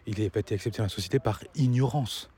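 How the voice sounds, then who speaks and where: A man's voice: on the low side, fast, dark tone, a little hiss or hum. A man giving a casual opinion monologue to viewers as a vlogger, rambling and stammering, swallowing words as he walks outdoors. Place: outdoors, walking, nearing a road.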